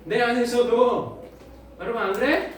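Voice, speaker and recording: A man's voice: extremely high pitch, unhurried. A male English teacher lecturing a class, reading English lines, explaining them in Korean and firing rhetorical questions at the students. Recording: echoey room, mic far off, faint noise.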